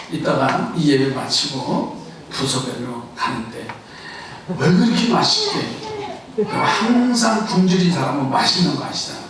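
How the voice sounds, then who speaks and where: A man's voice: a little high, a bit bright, slight background noise. A man preaching a Sunday sermon as pastor, joking and asking the congregation questions and pushing them to answer. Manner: humorous, asks the congregation questions and urges answers. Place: church sanctuary. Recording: very echoey hall, voice from far off.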